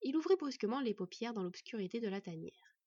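A woman reading a fantasy storybook aloud in measured, gentle narration. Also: fairly high pitch, expressive, breathy edge, dry recording, muffled recording. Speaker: audiobook narrator.

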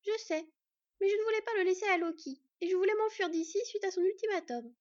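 A woman's voice: very high-pitched, quick pace, no room sound, pitched above the performer's own voice. A woman doing a cold, distant fox girl. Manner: flat, cold, detached. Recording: dull lo-fi recording.

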